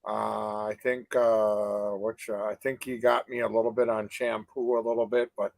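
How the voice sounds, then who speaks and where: A man's voice: on the low side, level tone, moderate pace, vocal fry, darkish tone, dry recording, rough recording. Rambling older man on a dry call. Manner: rambling, many restarts and "you know?" tags. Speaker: co-host of a live advocacy chat. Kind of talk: casual live-stream chat.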